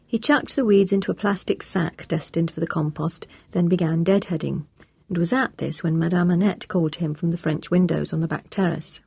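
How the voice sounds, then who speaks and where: A woman narrating an audiobook in a measured, steady reading. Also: fairly low pitch, creaky, husky, dry recording.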